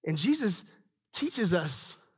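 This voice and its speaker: A man's voice: high-pitched, big pitch swings, takes it slowly, a bit bright, slightly rough. A man preaching a sermon to young adults, chatty and laughing at his own stories, then rising into an emphatic preaching cadence.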